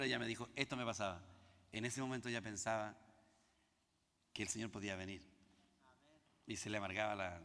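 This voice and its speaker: Preaching in a church with a big-room sound, this Chilean pastor teaches through a story, playing both parts of the conversation in animated quoted voices. He speaks in a mid-range voice with vocal fry.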